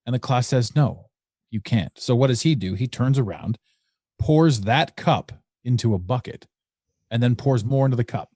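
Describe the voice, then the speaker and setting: A man hosting a podcast, talking casually and telling an analogy story in an animated way. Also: medium pitch, normal speed, husky, dry recording, studio quality. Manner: tells stories with analogies, animated retelling. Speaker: podcast host.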